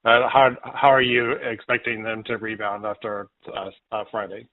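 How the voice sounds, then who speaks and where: Male reporter, flat even voice, phone line, asks questions with lots of uhs. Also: lowish voice, moderate pace. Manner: hesitant, many fillers. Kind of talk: asking questions on a media call.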